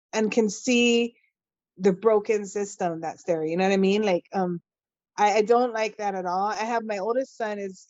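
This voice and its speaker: A woman in her forties speaks as a podcast guest, earnest and impassioned, stumbling into restarts as she works her thoughts out. The sound is dull and lo-fi, and very dry. Her pitch sits in an ordinary middle range. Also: a little mellow, dry recording. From Hawaii. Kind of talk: casual podcast interview.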